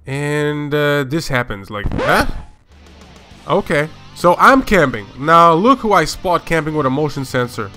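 Young male gamer, bright trash-talking commentary voice, faint music under it. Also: fairly high pitch, a little slow. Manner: excitable trash-talking, slangy, swears, laughs often. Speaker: gaming YouTuber. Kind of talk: gameplay commentary.

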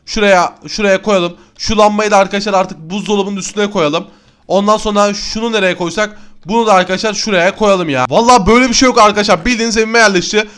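Gaming YouTuber, male, high voice, excitable running commentary to viewers. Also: quick pace, clean tone. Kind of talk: Minecraft gameplay commentary.

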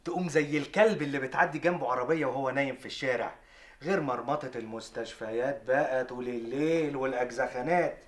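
A man's voice: mid-range voice, fast, lightly acted. An actor playing a brash, comic young man who wants to be a singer, with an Egyptian accent. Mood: joking. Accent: Egyptian Arabic. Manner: jokey, teasing, bursts into loud off-key singing. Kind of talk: television drama acting.

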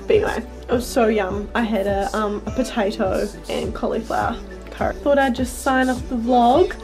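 A woman's voice: fairly high pitch, steady tone, moderate pace, over music, poor audio. A young woman with a New Zealand accent, chatting upbeat to camera as a vlogger. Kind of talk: casual vlog narration.

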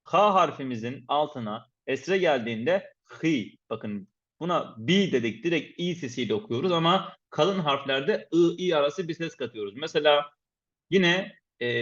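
A man's voice: on the high side, a bit bright. A man teaching a pronunciation lesson, patiently repeating syllables to demonstrate and formally addressing his viewers as respected teachers. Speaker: Quran recitation teacher. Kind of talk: instructional lesson. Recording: dull lo-fi recording.

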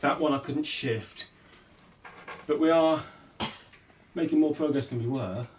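Working on some gear inside his house, this channel host keeps up a polite, casual vlog commentary, thinking out loud as he goes. He speaks a bit slowly in a slightly high voice, and there's a little background noise.

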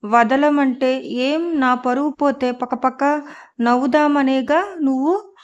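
A woman's voice: high voice, takes it slowly. A woman reading a story, voicing a distraught young woman who lashes out with bitter accusations. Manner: shouting, accusing. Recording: dull lo-fi audio.

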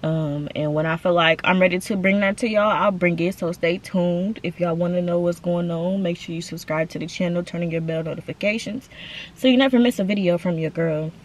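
A vlogger in her twenties chats casually to camera from inside a parked car, full of slang and calling her viewers y'all. Her voice is fairly low and a little fast, with a little hiss or hum in the recording.

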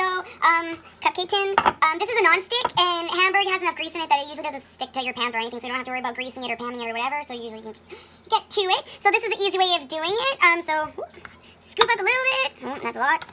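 A woman's voice: high voice, expressive, quick pace, background noise. Woman in her 30s cooking at home, chatty and all over the place, pans and dishes clanking behind her. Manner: chatty, rambling, self-correcting as she goes. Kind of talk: casual unscripted cooking demo. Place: home kitchen, indoors. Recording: clear kitchen clatter of dishes and pans.

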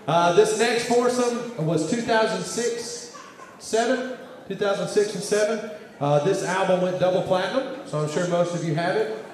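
A man's voice: sits high, moderate pace, recorded from a distance. A man acting as emcee at a live concert, introducing the next group casually with a few filler hesitations. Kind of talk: stage announcement at a live concert. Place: large concert hall. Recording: echoey hall from afar with crowd noise.

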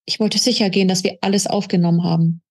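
A woman reading the lines of a calm, fatherly male official who speaks kindly and gently admonishes, in a husky voice. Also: mid-range voice, quick pace, natural voice.

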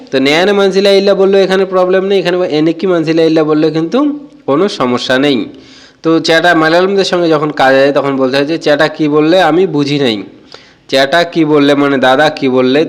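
A man teaching a language lesson, repeating each phrase slowly and carefully. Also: on the high side, clean tone. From Bangladesh. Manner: slow careful repetition of phrases.

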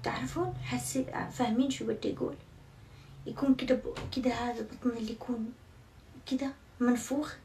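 Chatty higher-voiced woman vlogging. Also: fairly even intonation, a little fast, pauses often, darkish tone. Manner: chatty and self-mocking, swears oaths often. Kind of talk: casual vlog chat to viewers. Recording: somewhat far from mic, faint background noise.

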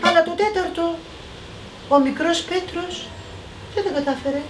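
A woman's voice: very high voice, roomy sound, over music. A woman with a Greek accent reading a children's story aloud, drawing out words expressively.

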